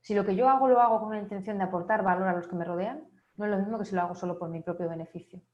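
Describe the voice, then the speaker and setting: A woman's voice: mid-range voice, racing, highs cut off. Woman in an echoey room asking rhetorical questions. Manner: asks many rhetorical questions, often ends with a checking "¿vale?". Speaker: speaker at an online wellness congress. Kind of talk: motivational talk.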